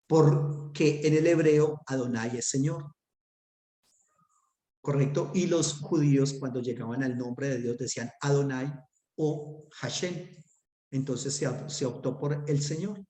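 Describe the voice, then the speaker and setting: A man with a mellow voice on the high side teaches a Hebrew class online, and the audio is reverberant. He talks conversationally and puts rhetorical questions to his students.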